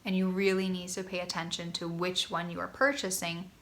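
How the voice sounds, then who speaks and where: Knitting vlog host, woman, congested, lower voice, eager and chatty, faint room hiss. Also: little pitch movement, a little fast, fairly bright tone. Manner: enthusiastic, gushing, frequent ums. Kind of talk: casual knitting vlog chat. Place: guest bedroom at home.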